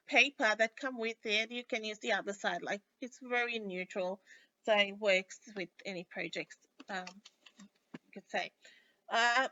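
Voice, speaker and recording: Nasal, under-the-weather woman, bright high voice. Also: no echo. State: under the weather with a stuffy, sick-sounding voice. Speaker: host of a weekly craft livestream. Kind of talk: casual live craft tutorial. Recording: dull, lo-fi livestream audio.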